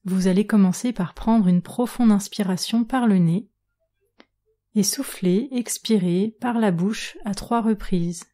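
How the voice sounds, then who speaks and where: A woman yoga nidra instructor leads a guided relaxation meditation in a mid-range voice. She speaks calmly and in a measured way, leaving long pauses.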